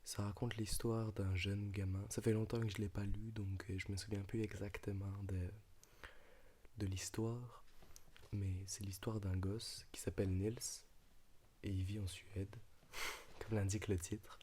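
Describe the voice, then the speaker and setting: A man speaks in a soft, hushed, half-whispered ASMR voice, talking about and reading from a book in an unhurried, slightly hesitant way. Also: on the low side, flat delivery, a little hiss or hum. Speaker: ASMR video creator.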